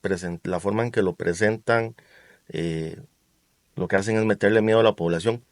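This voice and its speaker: A man with a Costa Rican accent co-hosting a talk show, speaking in a measured, relaxed way and often ending his remarks with a tag question. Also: on the low side, no room sound, studio quality. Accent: Costa Rican Spanish. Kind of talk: casual discussion.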